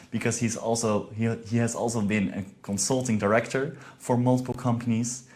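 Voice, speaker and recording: A man's voice: mid-range voice, darkish tone. A man hosting a podcast, introducing and questioning his guest in a casual, encouraging way with frequent "yeah" agreements. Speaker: podcast host. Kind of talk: conversational interview.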